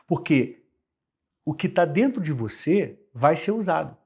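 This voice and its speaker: Brazilian male guest, husky voice, raised pitch, lively explainer. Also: unhurried. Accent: Brazilian Portuguese. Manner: animated, explains with vivid everyday examples. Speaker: guest, communication specialist. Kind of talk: conversational podcast interview.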